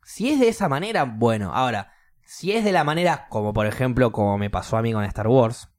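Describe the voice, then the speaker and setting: Young man, rioplatense accent, lively swinging pitch, casual storytelling, swears often. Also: a little fast. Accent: Rioplatense Spanish. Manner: animated, swears, acts out quotes loudly.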